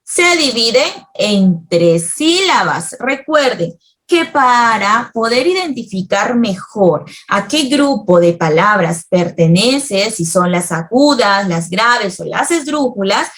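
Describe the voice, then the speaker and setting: A woman's voice: mid-range voice, expressive, takes it slowly, fairly bright tone. A woman teaching a children's grammar lesson, speaking patiently and often checking that the listeners follow.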